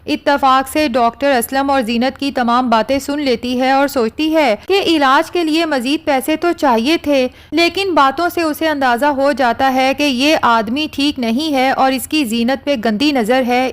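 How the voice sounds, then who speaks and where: High-voiced woman recapping a drama. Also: hardly any pauses. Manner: retells scenes steadily, relaying dialogue as reported speech. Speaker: drama reviewer. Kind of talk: casual plot recap.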